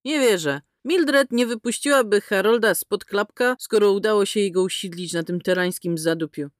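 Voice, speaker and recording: A woman's voice: mid-range voice, moderate pace, dry recording, clean studio sound, natural voice. A woman voicing a brash, foul-mouthed woman space pilot who talks in a crude, sarcastic, blunt way.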